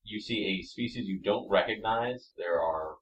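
Low-voiced man running a tabletop game. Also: moderate pace, lo-fi sound. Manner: relaxed, explains rules. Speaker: game master. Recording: distant mic.

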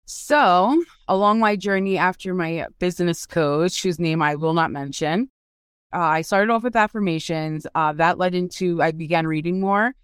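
A woman's voice: lowish voice, moderate pace, smooth, no room sound, studio quality. A woman guest in a casual interview, talking about her work in a candid, sassy, sarcastic way. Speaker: guest, marketing business owner. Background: soft meditation music.

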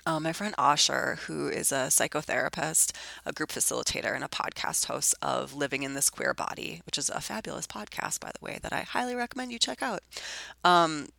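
A woman hosting a solo podcast while sick, her hoarse voice heavily gravelly with vocal fry. Her tone stays bright and forceful. She talks in a loose, rambling way full of ums and likes, recorded close and dry. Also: deep voice, a little fast, no echo. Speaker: podcast host. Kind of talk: casual solo podcast chat.

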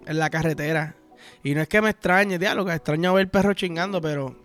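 A high-pitched man with a Puerto Rican accent hosts a podcast. He delivers a crude, rambling, profane comic monologue over faint background music. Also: smooth. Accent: Puerto Rican Spanish. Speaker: podcast host. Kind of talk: casual comedic podcast monologue.

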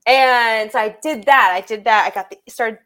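Young woman telling animated stories. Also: a little high, moderate pace. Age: 20s. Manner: animated storyteller, acts out quotes, laughs often. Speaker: interview guest. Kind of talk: casual podcast interview.

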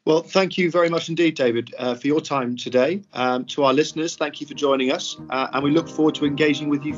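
A man hosting a podcast interview in a polite, halting manner. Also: a little high, fairly even intonation, highs cut off, faint music behind.

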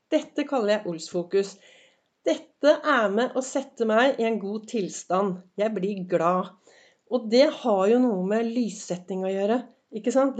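A woman hosting a podcast in a chatty, encouraging motivational monologue, her voice slightly hoarse and her throat often cleared, with many fillers. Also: fairly high pitch, a little mellow. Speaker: podcast host. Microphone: semi-pro recording setup.

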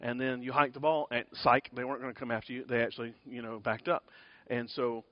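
A man preaching a sermon, telling stories in an animated, rambling way with many fillers and restarts. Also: medium pitch, brisk, no room sound, lo-fi sound.

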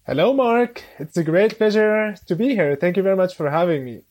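A man in his twenties from Syria, a guest on a podcast, speaking English with many pauses, fillers and restarts. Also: high voice, darkish tone. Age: 20s. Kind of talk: casual interview.

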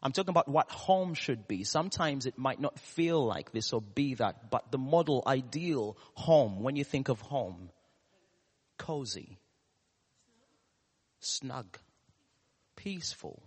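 A male preacher with an East African, Ugandan accent delivers a sermon at a live church service in a large, echoing hall with long reverb. His husky, mid-range voice moves with lively intonation as he speaks slowly and deliberately, pausing and repeating key words. He poses questions to the congregation throughout.

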